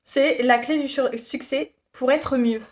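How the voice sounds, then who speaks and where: Giggly chatty woman, slightly high. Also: steady tone, measured pace, a little hiss or hum. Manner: giggly, self-deprecating, gushing. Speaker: YouTuber presenting her shop. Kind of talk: casual chatty vlog.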